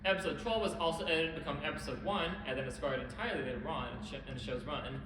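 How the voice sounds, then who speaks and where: A man with a slightly high voice speeds through a convention panel talk, brisk and wry. He is picked up from a distance in a large echoey room with a steady hum behind him. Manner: brisk, wry, occasional self-corrections. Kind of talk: presenting a history talk. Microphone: camera at a distance. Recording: echoey hall, distant camera, background hum.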